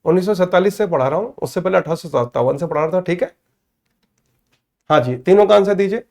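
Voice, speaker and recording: A man with an Indian accent teaching an online English grammar class, calling students by name, checking they follow, and saying English phrases slowly word by word. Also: sits high, animated, a little mellow. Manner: addresses students by name, asks "clear?" often; mixes Hindi with slow, spelled-out English.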